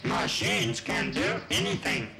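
A man voicing a boastful, stubborn robot machine in a stiff, deliberate robotic voice for a children's puppet sketch. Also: fairly low pitch, flat delivery, gravelly, echoey room, loud music behind the voice, low-quality recording.

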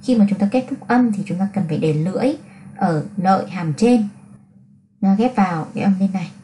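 A woman teaching pronunciation, drilling syllables one by one and explaining clearly. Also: mid-range voice, animated, dark tone, slight background noise. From Vietnam. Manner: slow, deliberate syllable-by-syllable enunciation.

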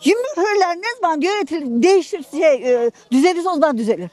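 A woman's voice: very high-pitched, animated, brisk, a little mellow. A woman in her late sixties with toothless, mushy articulation, chatting casually in a street interview. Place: busy outdoor street market. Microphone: handheld reporter microphone held close.

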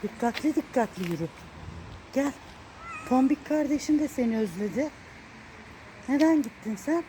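A woman with a somewhat high voice coaxes and gently scolds her cat as she walks outdoors. It is filmed on a handheld phone in the street, with loud traffic and outdoor noise behind her. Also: expressive, moderate pace, pauses often. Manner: coaxing, scolding a pet fondly. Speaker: cat owner filming her found cat. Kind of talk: casual walking vlog. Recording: noisy outdoor street recording.

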